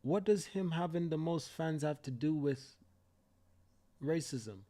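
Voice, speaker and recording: On a live stream, a young Jamaican host rants with fury and profanity, hammering his points through repetition. His voice sits on the high side and stays mellow and unhurried.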